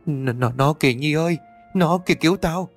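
A man's voice: mid-range voice, fast talker, soft background music, close to an everyday voice. A man reading the part of an anxious teenage schoolgirl in an audio story, talking hurriedly in a raised voice. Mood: terrified.

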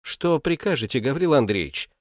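A man voicing a meek, timid young woman laundress who answers quietly and hesitantly. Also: mid-range voice, expressive, unhurried, no room sound, studio quality, voice pushed up, natural voice. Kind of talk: audiobook character reading.

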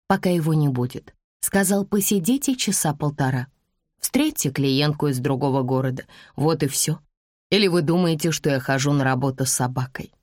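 A woman's voice: deep voice, darkish tone, no echo, clean studio sound, voice pushed down. A woman voicing a cool, defiant young secretary. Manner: cool, slightly mocking. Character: young woman office worker, calm and defiant.

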